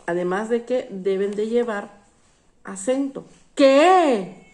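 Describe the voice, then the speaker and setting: A woman's voice: mid-range voice, expressive, a little slow, a little mellow. A woman teaching a lesson, patient and explanatory, often asking rhetorical questions and calling out words for emphasis. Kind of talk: online class lesson.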